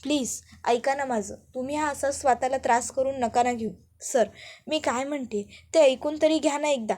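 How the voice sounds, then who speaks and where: A young woman, played by a female narrator, pleads urgently and repeatedly to be heard, in a high voice. The tone is earnest and desperate in this retold serial scene. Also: normal speed, a little mellow, natural voice. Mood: pleading. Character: pleading young woman begging him to listen.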